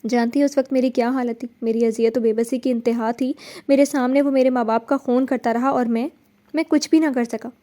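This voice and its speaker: A woman's voice: fairly high pitch, fairly even intonation, warm tone, lightly acted. A woman reading a story aloud, voicing a young man full of grief and remorse over his murdered parents. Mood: anguished. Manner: anguished, pleading.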